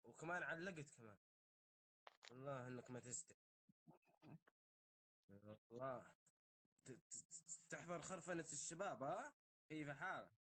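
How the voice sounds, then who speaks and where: A man's voice: mid-range voice, animated, normal speed, pauses often, a bit bright, rough recording. A man with a Levantine Arabic accent bantering casually on a live stream in an exasperated, scolding, joking way.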